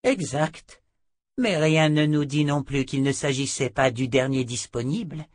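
A clear-headed woman weighs the odds in a calm, reasoned way, as a man reading the book puts her on. The voice is pitched above his narration, and the sound is dry and close. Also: unhurried, dry recording, lightly acted. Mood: measured. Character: sharp, level-headed female scout.

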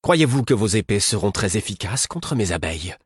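A man's voice: lowish voice, big pitch swings, moderate pace, husky, no room sound, studio quality, heavily acted. A man reading an audiobook voices a fierce mother threatening her enemies, menacing and at times coaxing. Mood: defiant threat. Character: fierce mother beekeeper woman, defiant and threatening. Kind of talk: audiobook character voice.

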